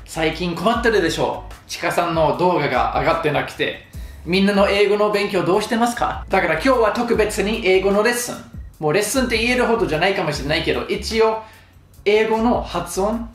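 A man giving casual pronunciation tips to camera in a chatty, joking, mildly exasperated way. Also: sits high. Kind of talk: casual vlog talk to camera. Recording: roomy echo with faint music.

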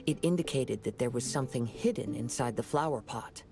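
A man voicing a calm, thoughtful young male wandering samurai in a video game, speaking in a measured way. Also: medium pitch, music in the background, lightly acted.

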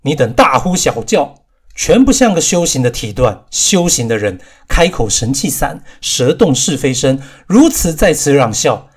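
A man's voice: medium pitch, sing-song, normal speed, breathy edge. A man voicing a stern, commanding old male Taoist master in an audiobook, scolding his disciples.

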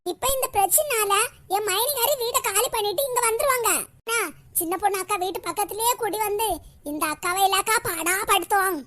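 A woman with a Kanyakumari Tamil accent voicing a scolding, indignant character in an animated comedy. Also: very high-pitched, a little fast.

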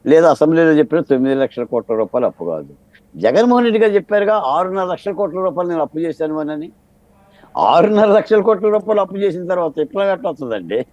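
A man's voice: on the high side, darkish tone, dry recording, muffled recording. A man speaking as a political analyst in a televised debate, arguing his case with a stream of rhetorical questions. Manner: argumentative, fires rhetorical questions. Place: TV studio debate set.

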